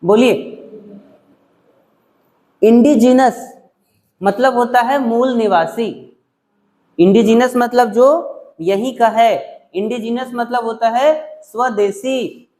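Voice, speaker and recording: A male teacher, taking students through spelling in an exam-prep English class, repeating words slowly syllable by syllable. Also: extremely high pitch, a little mellow.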